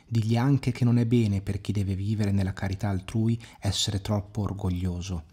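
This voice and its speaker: A husky-voiced man voicing a young prince who speaks bluntly and firmly. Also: fairly low pitch, fairly even intonation, normal speed, mellow. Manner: blunt, reproachful.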